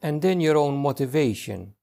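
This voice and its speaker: A man leading a guided meditation as a teacher, giving gentle, unhurried instructions with long pauses. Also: fairly high pitch, lively intonation, gravelly.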